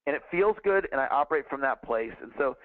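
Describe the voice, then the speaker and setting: On this motivational teaching call, a man in his forties from California, a sales trainer, talks fast at a medium pitch with lively intonation. He sounds earnest and conversational and often starts sentences over. His voice arrives through a thin, tinny phone connection, dry and without any sense of a room.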